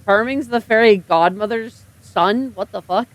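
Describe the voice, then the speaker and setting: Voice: medium pitch, a little slow, dry recording. A gaming video host giving casual gameplay commentary, talking informally and reacting bluntly.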